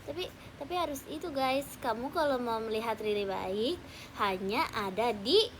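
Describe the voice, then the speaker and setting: Playful high-voiced teenage girl. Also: lively intonation, moderate pace, slight background noise. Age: teens. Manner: playful, teasing, chatty with fans. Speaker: idol livestream host. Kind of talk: casual livestream chat with viewers. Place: at home at night, keeping voice down.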